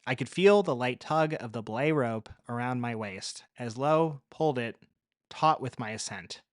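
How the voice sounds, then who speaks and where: A man's voice: mid-range voice, lively intonation, moderate pace, dry recording. Man with a dry, close narrating voice. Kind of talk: first-person story narration.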